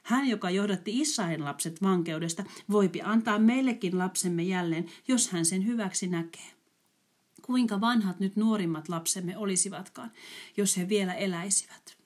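A woman voicing a faithful, grieving mother in a storybook reading, speaking devoutly and gently. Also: mid-range voice, lightly acted. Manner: pleading, devout.

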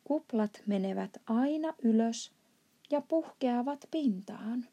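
Brief: woman reading a polite questioning little girl, slightly raised, husky storybook voice. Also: fairly high pitch, animated, mellow, dull audio. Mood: curious.

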